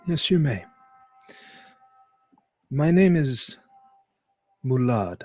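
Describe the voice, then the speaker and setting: Casting: raspy old male desert sage, played by a game master, unhurried and cryptic, for tabletop role-play. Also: medium pitch, big pitch swings, darkish tone, no echo, faint music behind, voice pushed up, heavily acted. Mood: sly, knowing. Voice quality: raspy, aged voice. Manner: slow, musing, unhurried. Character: weathered old wandering Kalashtar mystic, male, calm and cryptic.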